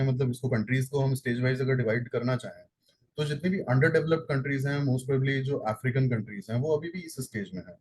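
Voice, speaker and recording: This exam-prep lecture, mixing Hindi and English, comes from a man with an Indian accent whose medium-pitched voice is husky and darkish in tone. He explains things one step at a time, goes back over points, and uses fillers as he corrects himself. The recording quality is rough.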